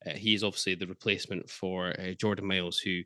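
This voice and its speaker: A man hosts a casual football podcast in a low voice with a forceful, bright edge. He talks chattily, swears freely and laughs between points. The recording is close and dry. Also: level tone, quick pace, dry recording. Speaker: podcast host.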